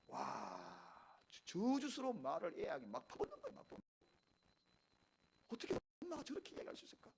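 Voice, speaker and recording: A man in his fifties preaching a Sunday sermon in a church, acting out family conversations and swinging from hushed asides to loud emphasis. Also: sits high, gravelly, husky, low-quality recording. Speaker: pastor. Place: church sanctuary.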